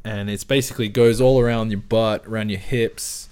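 A man in his thirties from New Zealand with an Australian accent, chatting casually in an interview, relaxed and quick to laugh. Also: fairly low pitch, clean tone. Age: 30s. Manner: relaxed, laughs easily, many fillers. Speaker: interviewee, camera operator.

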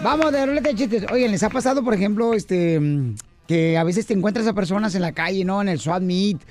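A man hosting a comedy radio show, loud and boisterous as he shouts catchphrases and tells stories. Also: high voice, animated, fairly quick, faint music behind.

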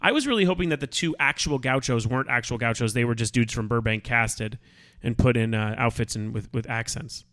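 A man's voice: medium pitch, brisk, a bit bright. A man co-hosting a podcast, chatting casually and jokily with frequent laughs and fillers. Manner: jokey, laughing, rambling with fillers. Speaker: podcast co-host. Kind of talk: casual recap chat.

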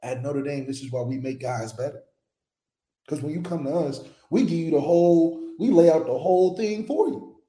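Animated male sports co-host in a roomy space. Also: a little high, moderate pace. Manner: animated, loose and jokey, breaks into quoted voices. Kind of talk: casual sports talk. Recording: roomy echo.

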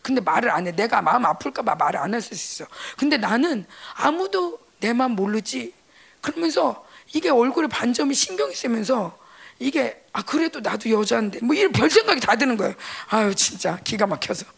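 A middle-aged woman, a pastor's wife, giving a chatty church testimony, animated and laughing as she acts out quoted voices. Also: a little high, a little fast, gravelly, husky.

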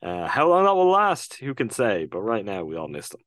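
Low-ish voiced guy cohosting a sports pod, wry and laid back, dry sound. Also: moderate pace, no room sound. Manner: relaxed, wry, with restarts. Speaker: podcast co-host. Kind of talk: casual sports podcast chat.

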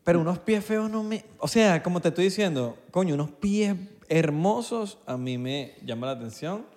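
Playful Venezuelan guy, lively voice. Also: high-pitched, moderate pace, in a large hall. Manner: playful, laughing, slangy. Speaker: podcast co-host. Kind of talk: casual chat.

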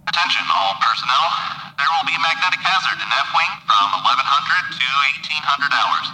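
An actor playing a male facility announcer heard over a public address loudspeaker, speaking in measured, formal, repeated announcements. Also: on the high side, expressive, a little hiss or hum. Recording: echoey loudspeaker over music.

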